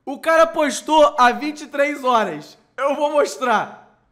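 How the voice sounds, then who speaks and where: Rio-young man, host, high voice, excited slangy storytelling with lots of swearing. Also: takes it slowly. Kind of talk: casual storytelling.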